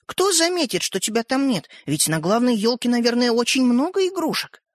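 An earnest young schoolboy, eager and a little anxious, as a male reader puts him on. His voice sits high and jumps around a lot. The sound is dry and close. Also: big pitch swings, fairly quick, dry recording.

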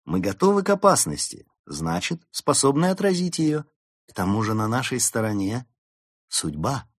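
A man's voice: medium pitch, very animated, normal speed, no room sound, studio quality. A man doing a grand eccentric fox. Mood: calm. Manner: grand, theatrical. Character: cheerful eccentric male fox adventurer. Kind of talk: storybook reading.

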